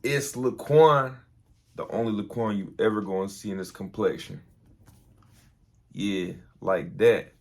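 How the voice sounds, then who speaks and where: A man's voice: low voice, steady tone, unhurried, pauses often, darkish tone. A tired young man, telling an army story in a casual, rambling way with many fillers. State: tired, early morning. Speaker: vlogger, army veteran.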